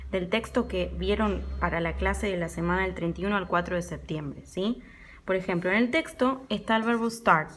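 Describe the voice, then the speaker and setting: A woman's voice: medium pitch, fairly bright tone, a little hiss or hum. A woman English teacher, patiently explaining a pronunciation rule and often checking in with her students. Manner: patient, repeats words slowly and checks in with students. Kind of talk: classroom lesson explaining pronunciation.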